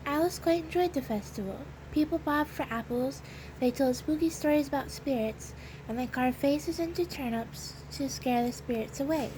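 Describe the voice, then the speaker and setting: A woman narrating a children's storybook with a gentle, expressive read-aloud delivery. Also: high voice, moderate pace, background noise.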